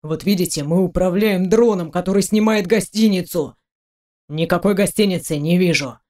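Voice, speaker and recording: A woman's voice: on the low side, moderate pace, a little mellow, natural voice. A woman voicing a flustered young detective.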